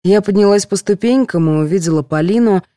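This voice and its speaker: A woman narrating a first-person story in a scripted, expressive reading. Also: medium pitch, fairly quick, no echo, clean studio sound. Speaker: audiobook narrator.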